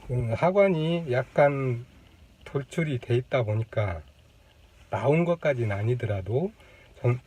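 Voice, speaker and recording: A man hosting his own channel, explaining a topic casually to the camera with many pauses and fillers, demonstrating sounds as he goes. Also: mid-range voice, warm tone. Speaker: channel host. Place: indoors on a lunch break. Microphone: camera mic.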